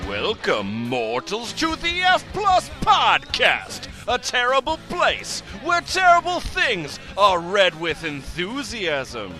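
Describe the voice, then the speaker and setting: Guy doing a campy horror host announcer, big swoopy loud voice, drawn-out and mock-sinister, podcast bit. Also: high-pitched, wildly swooping pitch, soft background music, pitched above the performer's own voice, full character voice.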